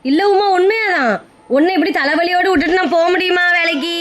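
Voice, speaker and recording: A woman doing a timid village husband in a comedy skit, always pleading and dodging blame. The voice stays very high, and the words come out quickly. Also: fairly bright tone. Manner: pleading and excuse-making.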